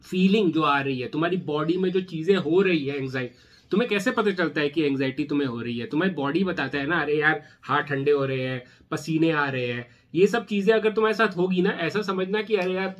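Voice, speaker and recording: Casting note: man, talks straight to the viewer, casual explainer, pitch on the high side. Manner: conversational, addresses viewer directly, mixes English terms. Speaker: channel host explaining OCD treatment.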